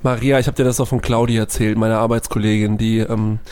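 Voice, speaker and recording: A man playing Bernd, a hesitant lover in a soap parody, speaking in a slow, halting, melodramatic way. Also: fairly low pitch, flat delivery, a little mellow, smooth, pitched below the performer's own voice, lightly acted.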